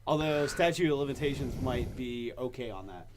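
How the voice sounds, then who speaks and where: A man's voice: mid-range voice, moderate pace, slight background noise. A man hosting a casual podcast, telling stories with frequent laughter. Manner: storytelling, laughs often. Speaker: podcast host. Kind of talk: casual chat.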